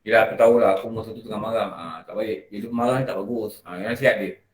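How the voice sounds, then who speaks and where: A man's voice: lowish voice, fairly even intonation, fast talker. A man with a Malaysian Malay accent gives a morning religious lecture in a prayer hall, talking conversationally and often asking his listeners questions. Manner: conversational, asks the audience questions. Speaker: religious teacher.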